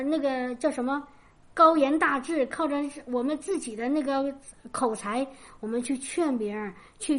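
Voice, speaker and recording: A woman in her forties preaching to her congregation in a conversational way, telling personal stories. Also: high voice. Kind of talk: sermon.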